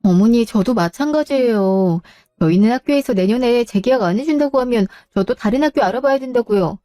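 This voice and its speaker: A sweetly condescending young daughter-in-law, as a woman puts her on for a radio drama. Her talk is polite but has a needling edge, and her voice sits fairly high with a dark, mellow tone. The sound is dry. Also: lively intonation, brisk, dry recording, close to an everyday voice. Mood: pleading.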